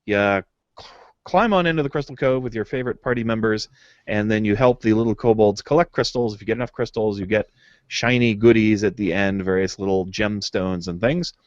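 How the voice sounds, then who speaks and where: A man's voice: fairly low pitch, brisk, no echo. A man hosting a casual gaming podcast, rambling and chuckling between fillers. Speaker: podcast host. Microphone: home mic on a video hangout. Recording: dull lo-fi dry webcast audio.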